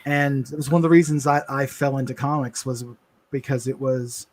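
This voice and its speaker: A man co-hosting a livestream, telling a personal story in an earnest, halting way with many restarts. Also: mid-range voice, fairly even intonation. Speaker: livestream co-host.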